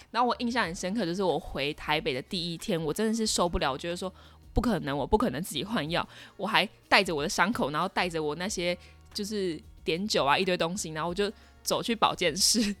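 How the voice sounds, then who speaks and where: A woman in her twenties with a lowish, slightly bright voice and a Taiwanese Mandarin accent hosts a podcast. She narrates a personal story in a casual monologue, exclaiming dramatically and leaning on lots of fillers.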